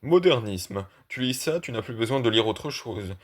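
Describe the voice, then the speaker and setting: A man voicing a self-satisfied middle-aged art collector in an audiobook reading of a play, talking in a lively, teasing way. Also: mid-range voice, normal speed, lightly acted. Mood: pleased.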